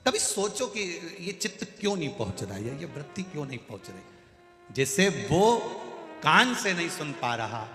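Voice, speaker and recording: Bright-voiced male preacher telling folksy stories. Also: a little high, normal speed. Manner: folksy, lively storyteller with humor. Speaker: preacher telling a scripture story. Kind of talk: devotional sermon with storytelling. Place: large live religious gathering. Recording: echoey hall with faint music.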